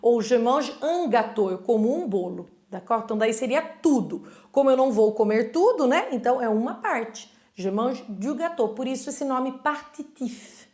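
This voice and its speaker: A woman with a high voice teaches an online language lesson. She explains patiently and slows down to say each example phrase clearly. The room around her gives a noticeable echo. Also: animated, a little mellow. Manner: clear, slow modeling of French phrases between explanations. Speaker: French teacher.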